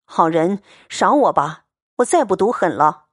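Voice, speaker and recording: A man's voice: sits high, very animated, normal speed, husky, no room sound, studio quality, full character voice. A woman doing a wheedling young nobleman. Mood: pleading, complaining.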